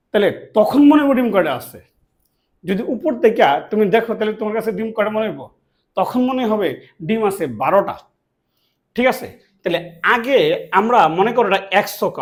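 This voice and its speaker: A man from Bangladesh, teaching a classroom math lesson, asking questions and answering them himself. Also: high-pitched. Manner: asks and answers his own questions, repeats key words.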